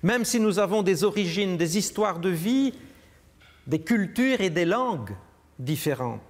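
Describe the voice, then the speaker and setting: A man preaching a measured, reflective sermon in a church. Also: sits high, lively intonation. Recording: long church reverb.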